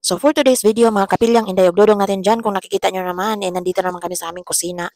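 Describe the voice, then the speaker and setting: A young Filipino woman vlogger whose voice is hoarse after a fever, chatting in a casual voice-over and laughing often. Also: medium pitch, fairly even intonation, very fast, darkish tone. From Philippines. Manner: chatty, laughs often, says "char" as a tag. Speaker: vlogger, domestic worker abroad.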